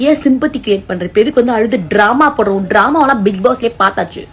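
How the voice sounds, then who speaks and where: A woman's voice: on the high side, fast talker, slight background noise. A woman, scolding someone with contempt in a social media rant. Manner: scolding, contemptuous, talks down to her target.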